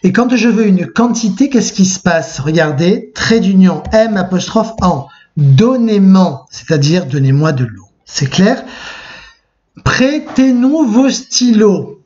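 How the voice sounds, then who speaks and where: A man teaching a grammar lesson by video to young pupils, patiently explaining step by step, slowing down to spell out example forms and often checking with "d'accord?". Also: sits high, expressive, a little mellow, lo-fi sound. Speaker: French teacher. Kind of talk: recorded video lesson for sixth graders.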